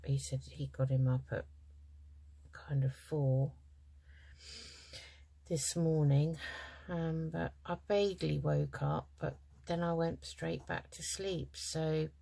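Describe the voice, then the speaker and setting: A woman's voice: low-pitched, fairly even intonation, unhurried, vocal fry, dark tone. A middle-aged woman hosting a craft channel, talking casually and hesitantly through her project with many ums, tired and yawning. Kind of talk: casual crafting tutorial chat.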